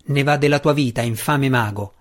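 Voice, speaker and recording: A man voicing a grim male dark elf warrior in an audiobook, growling and barking commands. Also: mid-range voice, moderate pace, lightly acted. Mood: shouting.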